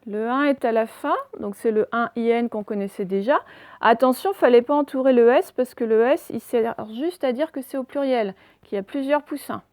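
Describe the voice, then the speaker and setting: A woman teacher giving a reading lesson to young children, spelling out letters slowly and checking in often. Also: on the high side, a little mellow, dry recording, clean studio sound.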